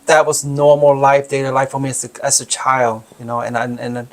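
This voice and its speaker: A middle-aged Cambodian-accented man tells a personal story in a relaxed, halting way. He pauses often, fills gaps with small sounds and restarts his sentences. His pitch sits in an ordinary middle range for a man. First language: Khmer. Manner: halting, many fillers and restarts. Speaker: healer and channel co-host.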